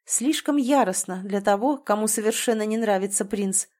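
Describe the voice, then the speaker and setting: A woman reading a first-person novel aloud as audiobook narrator, in an even, measured storytelling manner. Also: medium pitch.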